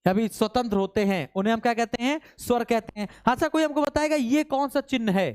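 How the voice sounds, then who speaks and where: A man teaching a live online grammar class, constantly quizzing his students with quick repeated questions and urging them to answer fast. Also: very high voice, a little mellow, clean tone. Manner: urges students to answer fast, mock-scolding; reads out student names from chat.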